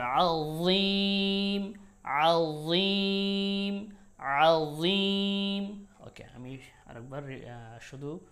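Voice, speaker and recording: A man teaching Quran recitation, repeating syllables slowly and explaining pronunciation in quick asides. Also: mid-range voice. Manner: melodic Quran recitation with drawn-out vowels. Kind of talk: spelled-out recitation lesson.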